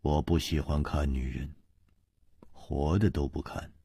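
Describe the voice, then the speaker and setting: Wry, cold-hearted swordsman companion, put on by a male narrator; quiet husky mutter, dry sound. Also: extremely low pitch, steady tone, a little slow, no room sound, pitched below the performer's own voice, full character voice.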